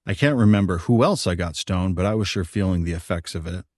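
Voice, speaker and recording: A man's voice: low voice, quick pace, darkish tone, no echo, clean studio sound. A man narrating his own memoir in a plain, reflective storytelling manner.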